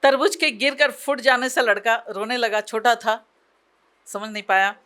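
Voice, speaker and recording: A woman telling an emotional story aloud in an expressive, dramatic way, pausing for effect. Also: fairly high pitch.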